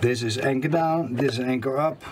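A man in his fifties with a Dutch accent casually explains DIY repairs in halting non-native English, searching for words as if translating in his head. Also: medium pitch, heavy background noise. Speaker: sailing vlogger. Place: small boat cabin interior.

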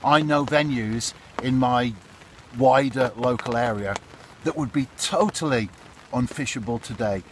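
A man's voice: medium pitch, unhurried. A man in his fifties gives casual to-camera fishing advice from under an umbrella, chatty and repetitive, often asking "isn't it?". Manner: chatty, repeats points, asks "isn't it?". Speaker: fishing vlogger. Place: outdoors under a fishing umbrella by a pool in a storm. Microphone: phone or camera close up. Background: storm wind and rain.

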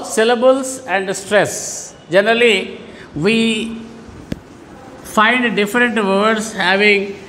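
A man's voice: sits high, a bit bright, long reverb tail, a little hiss or hum. A man teaching an online lesson to schoolchildren, patiently repeating and rephrasing words. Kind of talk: online classroom lesson for children.

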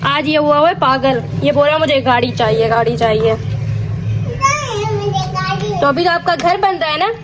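A woman's voice: sits high, moderate pace, pauses often, noisy background. A young woman chatting casually to her viewers at home, explaining things step by step as a mother and vlogger. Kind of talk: casual home vlog chat.

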